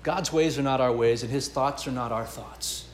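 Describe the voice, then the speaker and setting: A man's voice: mid-range voice, moderate pace, roomy sound, slight background noise. A man preaching a sermon as pastor, earnest and emphatic, building and dropping his intensity.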